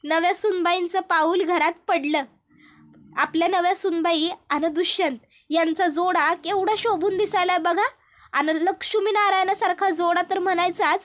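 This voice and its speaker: A woman playing a sly, flattering village woman. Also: very high voice, moderate pace. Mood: mocking. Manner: sweet-talking rustic flattery.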